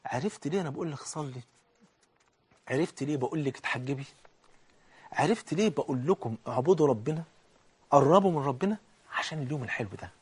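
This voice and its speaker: A man with an Egyptian accent preaching a colloquial sermon, animated, swinging between hushed and loud as he acts out dialogue. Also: mid-range voice, slightly rough. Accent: Egyptian Arabic.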